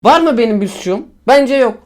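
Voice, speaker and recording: A young man from Turkey giving excitable, joking commentary while he streams a game, complaining loudly and then muttering low. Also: fairly quick. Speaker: gaming streamer. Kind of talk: casual gameplay commentary. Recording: faint game noise and gunfire behind.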